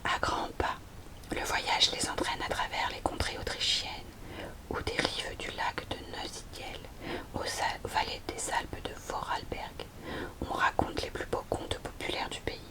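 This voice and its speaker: A young adult woman presenting books in a soft, unhurried library whisper, in the style of an ASMR recommendation video. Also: low-quality recording. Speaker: ASMR host recommending storybooks. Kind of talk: whispered ASMR book talk.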